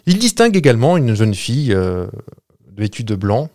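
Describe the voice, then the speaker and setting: Guy telling a ghost story, bouncy animated voice, lots of euhs and jokes. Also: medium pitch, moderate pace, no echo, studio quality. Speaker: podcast storyteller. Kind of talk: casual storytelling chat.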